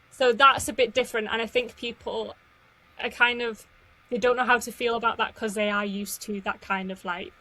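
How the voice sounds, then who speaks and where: A woman chatting easily on a podcast, relaxed and using fillers. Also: a little high, poor audio. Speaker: podcast co-host. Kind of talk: casual chat.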